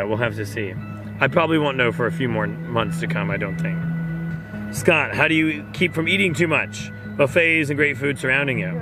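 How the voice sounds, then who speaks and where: A man's voice: mid-range voice, low-quality recording. An upbeat man hosting a casual question-and-answer session as a cruise director, talking conversationally. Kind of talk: casual Q&A chat, reading questions aloud. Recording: music playing behind the voice. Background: music.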